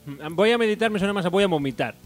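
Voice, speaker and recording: A man's voice: high-pitched, expressive, very fast, soft background music. A man co-hosting a casual podcast chat, teasing and joking with the others. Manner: teasing, lots of laughing asides. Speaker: podcast co-host.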